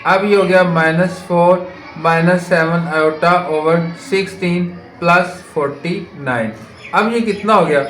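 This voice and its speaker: A man from Pakistan whose voice is a little high and a bit bright lectures as a math teacher. He solves exercises on the board step by step, asking rhetorical questions as he works. The setting sounds echoey, with faint background noise.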